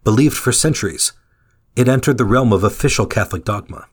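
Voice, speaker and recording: A man giving a calm, measured scripted reading of a daily devotional meditation. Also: fairly low pitch, husky. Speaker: meditation reader.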